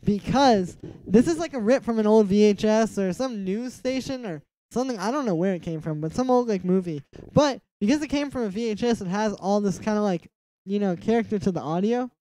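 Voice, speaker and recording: This young man hosts a casual music production livestream in a small room at home, his nasal voice high and a little fast. He rambles easily, filling gaps with "like" and mumbling to himself; the recording has no echo but is low quality.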